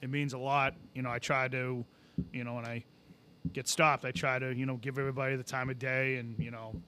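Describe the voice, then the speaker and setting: A man telling stories in a casual podcast chat, animated and swearing often, acting out what other people said. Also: medium pitch, fairly quick, a little hiss or hum. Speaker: podcast co-host.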